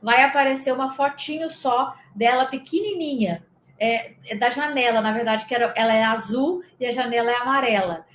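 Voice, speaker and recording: Speaking at normal speed in a slightly high voice, this spiritual coach talks to the listener in a loose, chatty guided lesson. She is Brazilian, from Espírito Santo's interior, and has a Brazilian Portuguese accent. The audio is reverberant and carries a little background noise.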